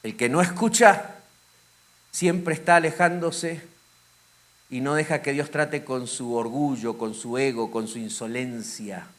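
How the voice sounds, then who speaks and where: A man pastor preaching a sermon with a Rioplatense Spanish accent, swinging from loud emphatic lines to hushed, intimate ones. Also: mid-range voice, a little slow.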